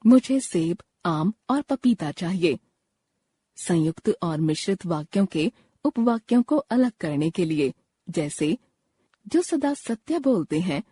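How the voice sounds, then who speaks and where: A woman reading a grammar textbook lesson aloud, slow and explanatory. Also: lowish voice, mellow, slightly rough. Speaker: textbook narrator.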